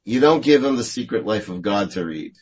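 A man's voice: lowish voice, expressive, brisk, breathy edge, rough recording. A man giving a reflective spiritual talk as a guest, often repeating words as he searches for his phrasing. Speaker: guest speaker answering questions on faith.

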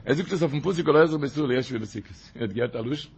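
A man, a rabbi, giving a Torah talk, who repeats his phrases and recites Hebrew quotes in a quick chant. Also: medium pitch, slightly rough, muffled recording. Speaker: rabbi teaching.

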